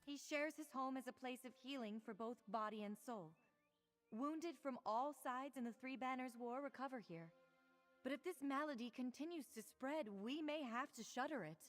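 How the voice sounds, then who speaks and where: A woman performs a stern, frustrated healer from a fantasy video game. Her voice sits a little high and her delivery is formal and earnest, weighed with worry. Soft music plays underneath. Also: moderate pace, lightly acted. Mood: grave, concerned. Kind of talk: scripted video game character dialogue. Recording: music behind the voice.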